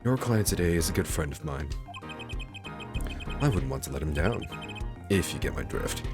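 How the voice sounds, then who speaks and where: A man voicing a smooth, suave male mentor attorney who speaks calmly with a faint tease, over game music. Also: rumbling low, moderate pace. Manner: calm, smooth, faintly teasing. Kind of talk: reading game dialogue aloud. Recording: game music playing behind.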